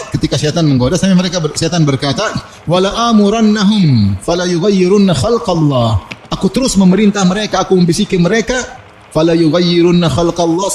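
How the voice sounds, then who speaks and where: A man delivers a sermon in a high voice. He preaches with animation, mixing humorous asides with recited Arabic verses. Faint background noise sits under the recording. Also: a little mellow. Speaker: Islamic preacher.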